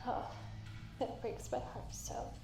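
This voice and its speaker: A woman voicing an ailing, stern and motherly matriarch in a video game, warm and solemn through a static-laced speaker. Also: slow, soft background music. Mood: tender, sorrowful. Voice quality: warm, tender. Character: ailing motherly mushroom matriarch, tender but commanding. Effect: crackling intercom speaker static. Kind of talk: dramatic video game voice acting. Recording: echoing, staticky intercom sound.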